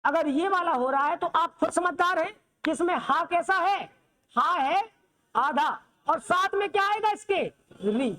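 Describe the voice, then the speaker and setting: A woman with a high voice teaches the Hindi alphabet. She asks her students questions, answers them herself, and keeps checking that they follow. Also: unhurried, sharp tone. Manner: repetitive, checks students' understanding. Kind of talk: classroom lesson on Hindi script.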